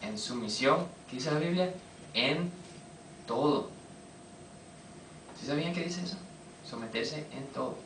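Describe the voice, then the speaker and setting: A man preaching a sermon, firing quick questions at his congregation. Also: fairly high pitch, animated, fairly bright tone, slight background noise. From Costa Rica. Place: church hall. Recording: echoey hall, voice from a distance.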